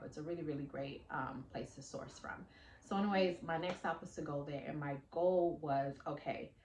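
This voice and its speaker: A woman's voice: low-pitched, slight background noise. A woman fashion designer talking casually to her vlog audience, explaining her business in a chatty way with frequent fillers. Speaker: independent fashion designer and vlogger. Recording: echoey room.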